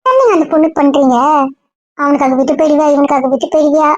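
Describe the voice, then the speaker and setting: A woman's voice: sits high, dry recording, dull audio, natural voice. A woman playing a blunt, scolding young friend. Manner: sharp, lecturing, rapid-fire. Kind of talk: web drama acting.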